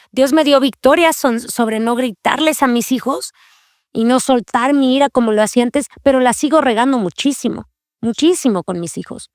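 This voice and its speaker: Earnest woman, higher voice. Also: no room sound, studio quality. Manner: earnest, confessional, repeats key phrases. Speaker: podcast host.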